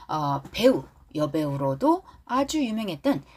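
A woman teaching English through a pop song, first explaining its background and then drilling each lyric line slowly. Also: sits low, very animated, darkish tone, a little hiss or hum.

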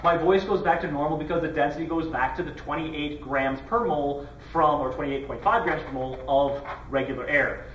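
Guy explaining a science demo, kinda high voice, mic far away in a roomy space. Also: brisk, fairly bright tone, a little hiss or hum. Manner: casual, explanatory. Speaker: science demonstrator. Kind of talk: explaining a chemistry demonstration.

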